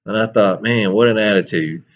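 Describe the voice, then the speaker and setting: A man's voice: lowish voice, moderate pace. Storytelling preacher man, muffled audio. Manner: storytelling, animated, with self-deprecating asides. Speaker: preacher and show host. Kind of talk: casual sermon-style chat.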